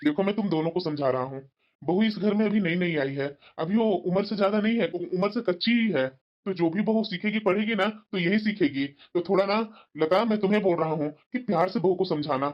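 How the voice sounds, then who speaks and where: A man voicing a kindly middle-aged father who gently lectures his family. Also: high-pitched, a little fast, close to an everyday voice. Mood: patient. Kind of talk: cartoon voice acting. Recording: dull lo-fi audio.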